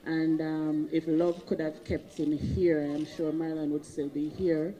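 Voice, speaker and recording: A woman with a Jamaican accent giving an informal tribute at a wake, pausing often with ums. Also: sits low, level tone, mellow, poor audio. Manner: rambling, pauses with ums. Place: outdoor wake gathering.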